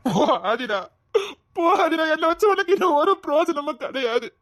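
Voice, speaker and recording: A woman's voice: sits high, lively intonation, normal speed, dry recording, clean studio sound. A woman with a Tirunelveli Tamil accent playing a despairing young man, paralysed after an accident, who pleads with his lover to leave him. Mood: pleading. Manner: pleading, self-pitying, pushing her away.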